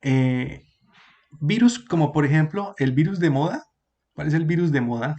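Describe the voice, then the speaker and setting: A man teaching an online class, patiently explaining and repeating words slowly for his students. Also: on the high side, expressive, mellow, lo-fi sound.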